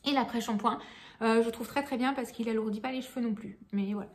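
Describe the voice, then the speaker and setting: A woman's voice: fairly high pitch, steady tone, fast talker, background noise. A woman chatting casually about beauty products she has used up, full of fillers, restarts and frank remarks. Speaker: beauty vlogger.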